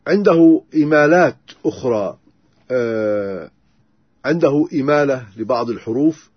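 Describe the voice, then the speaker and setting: A man teaching the differences between Quran readings in a methodical lecture, pausing on filler sounds as he explains. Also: medium pitch, lively intonation, breathy edge, dry recording, muffled recording.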